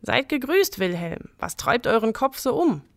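A croaking, coaxing little tempter in a red cloak, as a woman reading a legend puts him on, pitched up high above her usual voice. His talk stays smooth and persuasive, with no room around it. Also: very animated, moderate pace, no room sound, clean studio sound. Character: sly little stranger in red, devil-like tempter.

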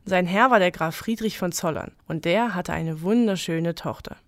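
A woman reading a folk legend aloud as a storyteller in a calm, measured way. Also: on the low side, no echo, clean studio sound. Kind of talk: scripted legend narration.

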